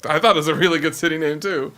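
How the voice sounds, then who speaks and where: A man's voice: a little high, steady tone, racing, pushed and bright. A man co-hosting a casual sports podcast, joking and bantering with his friends. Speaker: podcast co-host.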